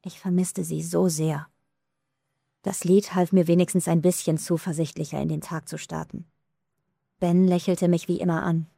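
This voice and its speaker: A woman reading a first-person story as an audiobook narrator, calm, measured and somber. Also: fairly low pitch, gravelly, no echo, studio quality.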